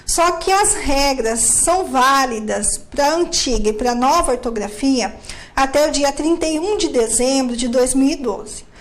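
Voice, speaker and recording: A high-voiced woman gives a grammar lesson, explaining each rule step by step. She poses questions and answers them herself. The sound carries a noticeable room echo. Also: lively intonation, measured pace. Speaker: teacher.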